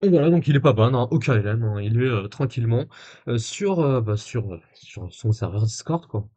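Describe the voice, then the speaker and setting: A man's voice: medium pitch, lively intonation, moderate pace, warm tone, slightly rough. Casual man streaming, sarcastic and rambling. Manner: casual, rambling with many fillers and self-corrections. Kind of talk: live stream commentary reading messages.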